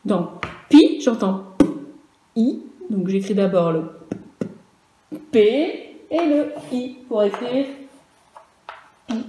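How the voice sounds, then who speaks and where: A woman's voice: fairly high pitch, animated, drawn-out words, long pauses, dark tone, slight background noise. Echoey patient teacher woman, spelling sounds. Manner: clear, patient, stresses each sound and letter; speaks to children and parents in turn. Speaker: first-grade teacher. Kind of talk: recorded virtual class lesson.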